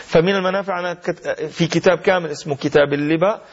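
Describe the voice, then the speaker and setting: Male radio health host, quick and fluent, explanatory, muffled broadcast sound. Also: on the high side. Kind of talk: call-in health advice. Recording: dull lo-fi radio audio.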